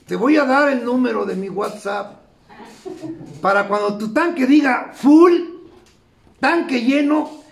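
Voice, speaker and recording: A man's voice: sits high, gravelly, slight background noise, full character voice. A man playing a crude, teasing God with a Mexican accent. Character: mocking, foul-mouthed male God.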